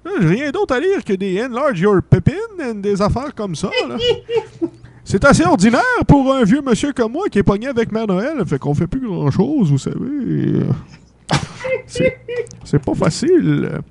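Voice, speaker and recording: A man's voice: extremely high pitch, big pitch swings, measured pace, gravelly, darkish tone, dry recording, voice pushed up, heavily acted. A man with a Québécois accent playing a jolly old Santa Claus who teases and laughs heartily. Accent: Québécois French. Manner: hearty ho-ho laughs, playful teasing.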